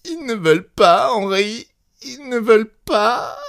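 A man's voice: sits high, animated, takes it slowly, vocal fry, a bit bright, no echo, clean studio sound, pitched above the performer's own voice, heavily acted. A man voicing a spoiled young wealthy wife who pleads in a trembling, breathless voice. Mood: sobbing.

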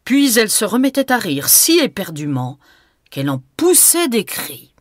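A woman's voice: mid-range voice, very animated, moderate pace, no room sound, studio quality. A woman narrating an audiobook in an intimate tone, now and then dropping to a whisper.

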